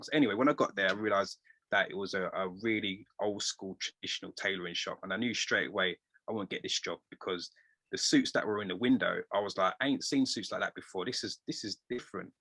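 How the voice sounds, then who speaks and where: A middle-aged man, a tailor being interviewed, telling stories in a rambling, animated way and quoting voices. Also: low-pitched, husky, dry recording. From England. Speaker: guest tailor. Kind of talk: casual interview storytelling.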